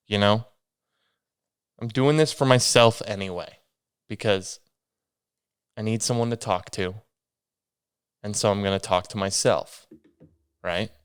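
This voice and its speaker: On his solo podcast, a young man with a sniffly, stuffy nose chats in a rambling, self-deprecating manner full of meandering restarts. His voice is fairly low in pitch, fairly bright and smooth. Sound is clean studio quality, with no room sound.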